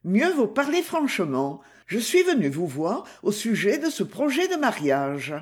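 A reader voicing an anxious, prim older society mother in an audiobook, in a high and fluttery tone. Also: huge pitch swings, a little slow. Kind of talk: audiobook character reading.

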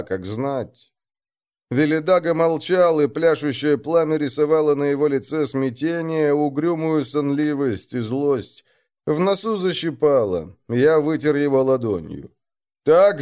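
A man's voice: a little high, a little slow, darkish tone. A man narrating a first-person story in an urgent, emotional way.

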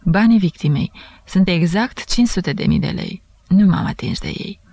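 A man's voice: high-pitched, lively intonation, gravelly, warm tone, no echo, exaggerated voice. A woman reading the part of a pale male doctor who confesses in a solemn, formal voice. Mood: grave, solemn.

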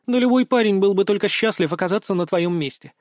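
A bubbly, teasing teenage schoolgirl, as a male narrator puts her on, lifted high above his own voice. She fires off questions in a bright, playful rush. The recording is close and dry. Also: no echo, close to an everyday voice. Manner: teasing, rapid-fire questions. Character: chatty cheeky teenage schoolgirl.

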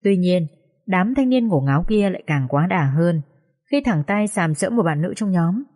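A careful schoolteacher in an audio story who recounts events in a measured, steady way, as a woman narrator reads her. Her voice sits on the low side. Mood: recounting.

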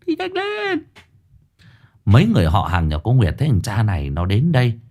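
A man narrating a humorous ghost story in a brisk, lively storytelling manner. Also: on the low side.

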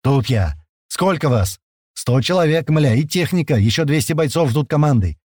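A rough, hollering soldier from an audiobook, as a male narrator puts him on, swearing as he talks. His pitch climbs well above the reader's own and swings widely. The sound is close and dry. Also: expressive, moderate pace, no room sound. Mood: reporting loudly. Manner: loud, coarse, swearing.

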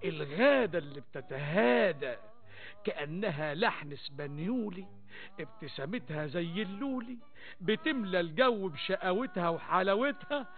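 Egyptian café storyteller, thin old-radio sound. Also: male voice, high-pitched, lively intonation, normal speed, narrow, tinny audio, soft background music. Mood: wry, playful. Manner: theatrical, addresses listeners, poses and answers questions. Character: wry, playful male storyteller mocking high society. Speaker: narrator. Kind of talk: Arabic café storyteller narration in rhymed colloquial prose.

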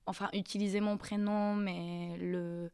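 A woman's voice: mid-range voice, level tone, measured pace, mellow, smooth. A woman, a singer-songwriter answering interview questions thoughtfully, often searching for her words. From Mexico. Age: 30s.

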